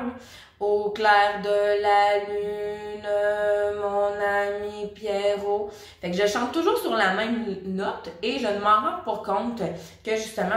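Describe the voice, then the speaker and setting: A woman's voice: mid-range voice, fairly bright tone. A woman with a Québécois French accent teaching singing in a chatty, direct way, speaking straight to the viewer. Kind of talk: casual vocal lesson. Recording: very echoey room.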